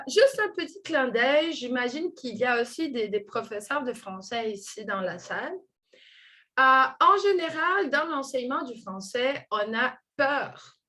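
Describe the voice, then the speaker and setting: A woman giving a conference lecture on linguistics, explaining in a measured way and often restarting her sentences. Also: on the high side, sharp tone. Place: lecture room with an audience.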